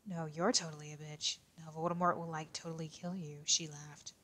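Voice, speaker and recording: Shuichi Saihara, a low flat young detective, as a woman puts him on. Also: normal speed. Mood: deadpan reading. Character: young male teen detective, quiet and reserved. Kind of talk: in-character reading of a fanfic.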